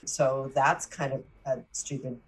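Forties woman, low register, interview guest who restarts words as she tells her story. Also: steady tone, a little slow, breathy edge. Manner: candid, restarts and repeats words mid-thought. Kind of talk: personal storytelling in conversation.

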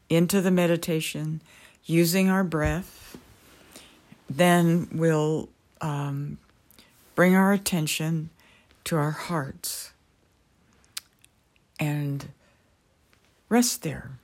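A woman leading a guided meditation in a gentle, calming way, unhurried, with pauses between short phrases. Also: sits low.

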